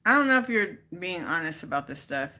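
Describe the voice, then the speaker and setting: A woman's voice: on the low side, sing-song, brisk, bright, forceful tone. A woman hosting a casual live stream, chatting with viewers and growing exasperated as she repeats her questions. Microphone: phone.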